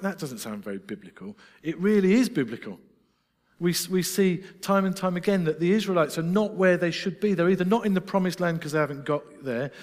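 Scottish man, middle-aged, earnest sermon delivery, slightly higher voice, hall echo. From Scotland. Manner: earnest, reflective, with self-deprecating asides. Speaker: preacher. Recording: long reverb of a large hall.

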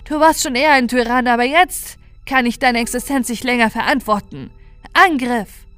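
A woman voicing a furious male elf lord who shouts in anger. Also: high-pitched, animated, normal speed, faint music behind, pitched above the performer's own voice. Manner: shouting, heated.

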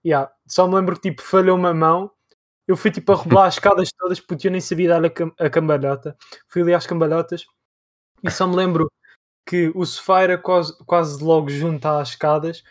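A young man with a European Portuguese accent chatting casually and telling stories with friends in an excitable, slangy, insistent manner. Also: fairly high pitch, brisk. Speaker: podcast co-host. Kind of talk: casual chat, storytelling among friends.

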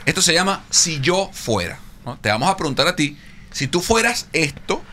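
A man co-hosting a casual sports podcast, jumping in with quick questions. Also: fairly high pitch, big pitch swings, bright, forceful tone, slight background noise. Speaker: podcast co-host.

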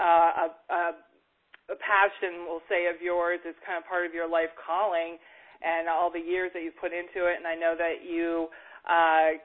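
Chatty woman host on a phone line. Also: on the low side. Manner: upbeat, chatty, laughs often. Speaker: interview host and book editor. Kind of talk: casual phone interview.

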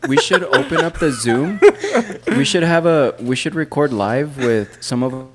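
A man's voice: mid-range voice, unhurried, a bit bright. A man co-hosting a podcast, joking crudely and laughing often in casual banter. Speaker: podcast co-host.

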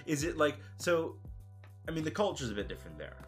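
A man's voice: a little high, big pitch swings, brisk, faint music behind. A man hosting a casual podcast interview, rambling with lots of fillers and asking friendly questions. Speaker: podcast host. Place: lives and works in Russia as a foreigner.

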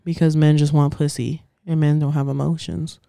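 A woman's voice: sits low, level tone, normal speed, vocal fry, mellow, no echo, studio quality. A young woman hosting a podcast, talking in a blunt, profane, opinionated way in casual chat. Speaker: podcast host.

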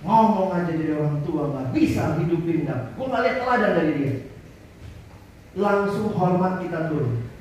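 A man preaching a sermon to a campus crowd, animated and acting out the voices he quotes. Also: on the high side, normal speed, slight background noise. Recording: echoey hall from far off.

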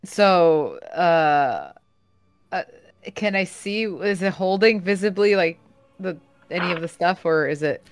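A woman's voice: on the low side, expressive, takes it slowly, no room sound, soft background music. A woman chatting casually as a player in a tabletop game, describing what her character does.

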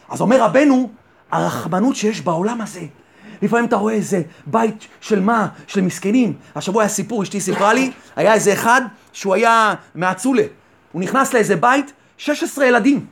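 A man's voice: high-pitched, expressive, vocal fry. A male rabbi giving a Torah sermon, asking rhetorical questions and answering them himself, and repeating key phrases for emphasis.

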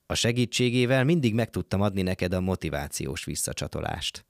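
Male reader as a tender, reassuring young man, deep voice, dry close mic. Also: animated, no echo. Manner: soft, reassuring. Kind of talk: audiobook reading.

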